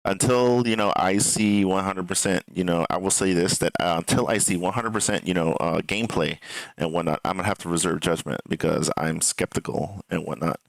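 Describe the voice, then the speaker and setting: A streamer reacting to gaming news talks fairly quickly in a low, creaky voice, captured in a dry, rough recording. He rambles casually, hesitating, repeating himself, drifting off topic, and swearing now and then.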